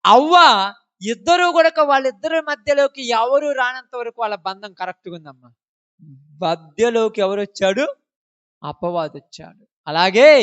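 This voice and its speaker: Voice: mid-range voice, fairly bright tone. A preacher, delivering a sermon. The voice keeps firing rhetorical questions at the listeners and presses them for answers. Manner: fires rhetorical questions at the congregation.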